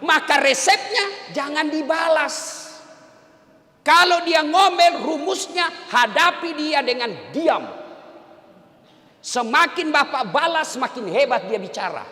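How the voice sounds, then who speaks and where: Male preacher, high and sharp voice, jokes while he teaches, echoey hall. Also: lively intonation, takes it slowly. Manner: jokey, addresses the men in the audience directly. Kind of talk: humorous sermon.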